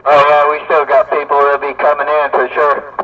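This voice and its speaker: Slow man over distant CB radio. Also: a little high, completely flat delivery, dull audio. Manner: slow, hesitant, many uhs, CB lingo. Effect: CB radio transmission. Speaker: radio club regular. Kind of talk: casual radio chat.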